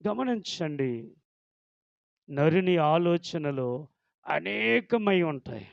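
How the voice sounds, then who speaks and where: A male pastor preaching in a slow, high voice. He tells a story dramatically and acts out every part. The recording is dry and muffled. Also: lively intonation, gravelly, no echo. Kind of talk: storytelling sermon.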